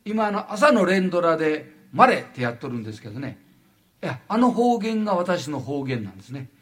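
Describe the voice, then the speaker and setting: An older man from Japan giving a lecture, halting with frequent fillers and lively asides. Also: fairly high pitch. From Wajima, Noto Peninsula, Japan.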